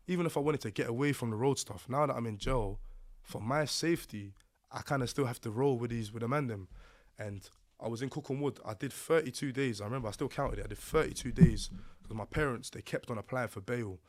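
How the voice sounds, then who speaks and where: A man with a London accent tells a personal story in a casual podcast setting. His delivery is roadman street talk, thick with slang, and his voice sits at a medium pitch. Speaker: podcast guest.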